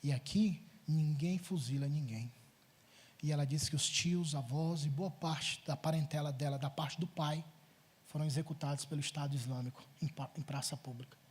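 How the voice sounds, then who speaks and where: A middle-aged pastor preaches in church, his voice sitting high for a man with a husky, breathy edge. He tells a personal story with lively swings between loud, urgent passages and soft, hushed ones. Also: brisk. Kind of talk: sermon.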